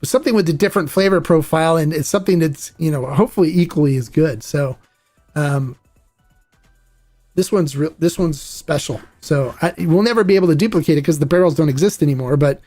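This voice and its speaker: A man hosting a casual podcast, with a voice that sits a little higher than most men's. He rambles along with playful enthusiasm, and faint music plays behind him. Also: brisk, a little mellow. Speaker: podcast host. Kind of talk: casual chat.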